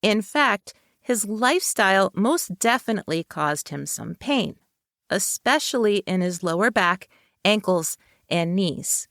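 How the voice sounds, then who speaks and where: Woman podcast co-host reading a narrated segment. Unhurried and measured, with a close, dry sound. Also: mid-range voice, lively intonation, fairly bright tone, no echo. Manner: measured storytelling delivery, light personal asides. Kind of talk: reading researched narration with casual asides.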